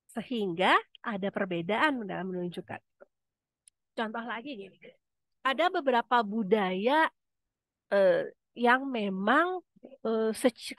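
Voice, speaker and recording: A woman's voice: mid-range voice, no echo. Woman lecturer, conversational, asks students questions, dry close sound. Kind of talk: online class discussion.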